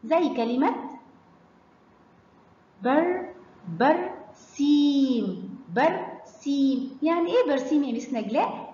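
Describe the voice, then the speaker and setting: A woman with an Egyptian Arabic accent teaching children to read, stretching out syllables slowly and quizzing them with questions. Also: high voice, darkish tone, slight background noise. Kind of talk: children's phonics lesson. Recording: echoey hall, slightly dull sound.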